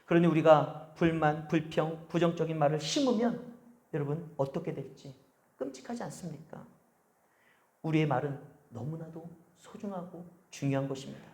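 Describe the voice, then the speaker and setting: A pastor preaching a Sunday sermon at a church service, pressing the congregation with repeated rhetorical questions and slowing down to stress key phrases. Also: male voice, a little high, darkish tone.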